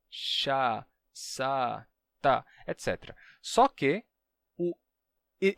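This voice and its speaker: A man of middle pitch teaching phonetics in a video lesson. He explains patiently and pauses to sound out example syllables slowly. The recording is close and dry. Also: a bit bright, no room sound. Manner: demonstrates sounds by repeating them slowly. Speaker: linguistics educator.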